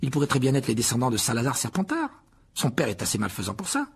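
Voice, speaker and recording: A man with a gravelly voice reading a storybook, voicing a determined young schoolboy in a grim, earnest way. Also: mid-range voice, huge pitch swings, fast, heavily acted.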